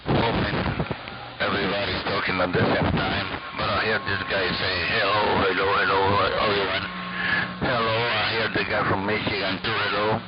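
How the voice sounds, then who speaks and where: A man's voice: lowish voice, flat delivery, normal speed, over loud music. A man from Rico, chatting as an amateur radio operator over a noisy radio link that keeps breaking up, greeting everyone at length. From Puerto Rico. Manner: warm, repetitive greetings, drawn out. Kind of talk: ham radio chat. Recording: lo-fi radio, loud static hiss.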